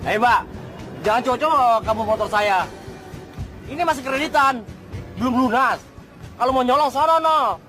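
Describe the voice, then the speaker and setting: An actor playing a suspicious, exasperated motorbike owner in a TV drama, brusque and slangy. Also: male voice, very high-pitched, normal speed, long pauses, pushed and bright, faint music behind. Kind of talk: TV film drama acting.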